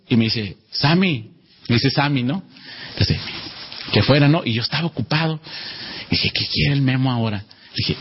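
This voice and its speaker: A male preacher delivers a sermon, telling a story and speaking straight to his congregation. His voice is somewhat high and husky. The recording sounds dull and lo-fi. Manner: storytelling with quoted dialogue, addresses the congregation. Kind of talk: sermon with personal testimony.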